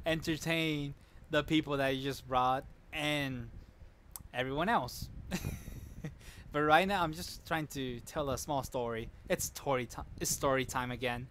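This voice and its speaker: A man at mid pitch spins a loose, rambling story on stream, chuckling between sentences. He restarts and fixes his words as he talks and answers chat along the way. A faint noise hums behind him. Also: measured pace, fairly bright tone. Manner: chatty, laughs often, restarts and corrects himself.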